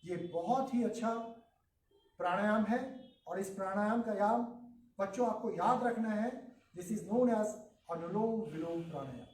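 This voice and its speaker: A man teaching children a yoga breathing lesson in a calm, instructive way, mixing in English terms. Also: high voice, unhurried, reverberant, far from the mic, a little hiss or hum, poor audio.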